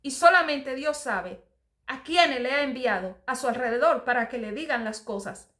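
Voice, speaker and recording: A woman's voice: high-pitched, normal speed, a bit bright. Earnest woman preaching a sermon. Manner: earnest, repeats and restarts phrases while reading verses aloud. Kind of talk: sermon reading and explaining scripture.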